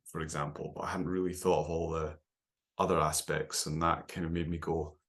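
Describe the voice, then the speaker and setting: Really deep voiced guy, chatty podcast guest, keeps saying right?. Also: fairly quick. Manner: animated storytelling, frequent "right?" tags. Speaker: podcast guest, endurance runner. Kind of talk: casual conversation.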